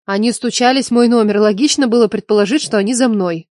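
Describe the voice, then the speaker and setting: A man voicing a sharp-tongued young woman teacher in an audiobook, cool, curt and sarcastic. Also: sits high, fast talker, no echo, studio quality, voice pushed up, close to an everyday voice. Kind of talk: audiobook character voice.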